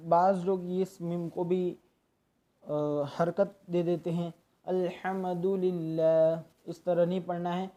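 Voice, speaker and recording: Male recitation teacher, mellow and unhurried, patient explainer, lo-fi sound. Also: high-pitched. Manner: patient, explanatory, stops to demonstrate drawn-out recitation. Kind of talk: step-by-step tajweed lesson. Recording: dull lo-fi recording.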